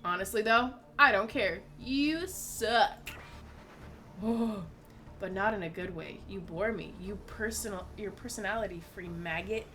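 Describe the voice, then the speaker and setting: A woman's voice: medium pitch, unhurried, bright, forceful tone, faint music behind. A woman reading the lines of a spiteful killer contestant, mocking and threatening in a game dialogue reading.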